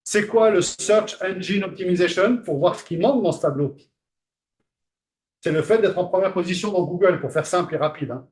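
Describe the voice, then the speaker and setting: A man giving a classroom lecture, talking conversationally, asking the class questions and pausing on fillers. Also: sits high, a little mellow, slight background noise.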